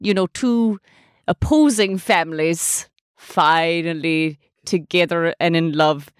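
A woman plays a dreamy media personality gushing on a comedy panel. Her voice is fairly low for a woman, and it is recorded dry and close. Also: slow pace, clean tone, no room sound.

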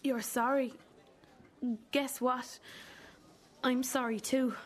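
A woman acting as a wounded, bitter adult daughter in a drama, accusing her mother in a halting, deliberate way. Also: high voice, level tone. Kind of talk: dramatic two-hander dialogue.

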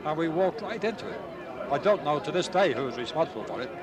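An older man from Ireland recounts old memories in a plain, halting manner. His voice sits a little high and comes from some way off the mic, with a crowd murmuring all around outdoors. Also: lively intonation. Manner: plain, unhurried storytelling with hesitations. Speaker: war veteran interviewee. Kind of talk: recalling memories in an interview. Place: outdoors at a busy city gathering. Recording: distant mic, crowd noise behind.

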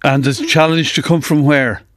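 A man's voice: a little high, steady tone, normal speed, no room sound. A man with an Irish accent presenting live radio sports news and interviews from a studio.

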